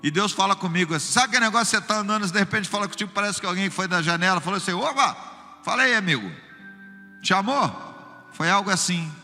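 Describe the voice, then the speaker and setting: A high-pitched Brazilian man preaches a sermon and tells lively, humorous stories. He keeps calling his listeners brother. His voice rings through a reverberant church hall with faint music behind. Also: racing, hardly any pauses. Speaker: pastor.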